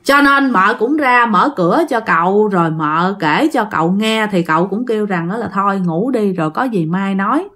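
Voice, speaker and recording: A woman telling a ghost story in an animated, conversational way. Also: medium pitch.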